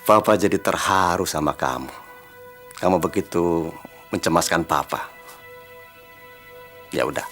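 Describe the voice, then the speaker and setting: An actor playing a gentle, middle-aged father who is secretly ill, with a soft, teasing way of talking. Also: low-pitched, measured pace, vocal fry, long pauses, soft background music, full character voice. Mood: tender.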